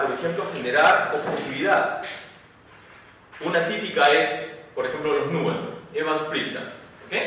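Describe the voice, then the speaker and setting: Lecturer, male, slightly high voice, heard from afar in a roomy classroom. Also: a bit bright, a little hiss or hum. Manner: conversational, rhetorical tag questions. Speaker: university lecturer. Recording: echoey room, distant mic.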